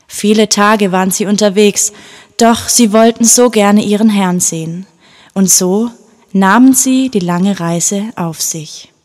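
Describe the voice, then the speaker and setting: A woman reads a Bible story aloud in a calm, gentle way. Her delivery is steady and unhurried, suited to telling a story to listeners. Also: mid-range voice. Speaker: narrator. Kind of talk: scripted Bible story narration.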